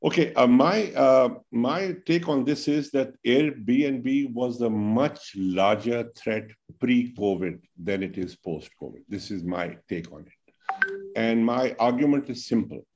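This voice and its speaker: A man's voice: medium pitch, takes it slowly, darkish tone, muffled recording. A man in his sixties with a Pakistani English accent, answering as a webinar panelist and making his case with rhetorical questions. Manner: argues point by point, rhetorical questions. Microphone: video call webcam.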